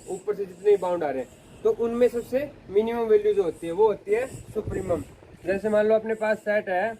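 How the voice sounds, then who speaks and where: A man's voice: sits high, warm tone, a little hiss or hum, low-quality recording. A man teaching a math lecture, explaining step by step and often asking his students questions. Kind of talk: classroom lecture.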